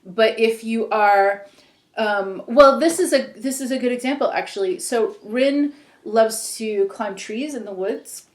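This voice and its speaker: A woman co-hosting a podcast talks in a loose, rambling way, full of "like" and "whatever." Her voice sits a little high. The room is echoey. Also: measured pace. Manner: chatty, rambling, lots of "like" and "whatever". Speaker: podcast co-host. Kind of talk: casual chat.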